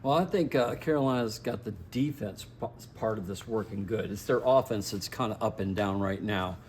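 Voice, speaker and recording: A man co-hosting a casual football chat, relaxed and matter-of-fact with a wry edge. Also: lowish voice, normal speed, a little hiss or hum. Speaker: co-host.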